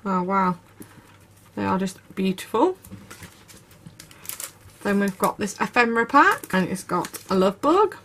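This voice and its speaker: A woman's voice: mid-range voice, animated, a little slow, long pauses, fairly bright tone, a little hiss or hum. A woman, narrating a craft unboxing video with gushing enthusiasm. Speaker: craft YouTuber. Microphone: camera over tabletop, speaker off screen.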